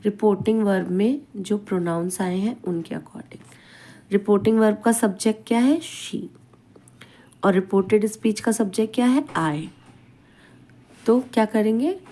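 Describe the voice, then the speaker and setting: A woman talks through a grammar lesson at an unhurried, deliberate pace, stopping to ask her listeners questions and then answering them herself. Her pitch sits at an ordinary middle height, and she tacks a checking "right?" onto many of her points. She reads the English example sentences out slowly. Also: a little mellow. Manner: slow, explanatory, asks and answers own questions, frequent "right?".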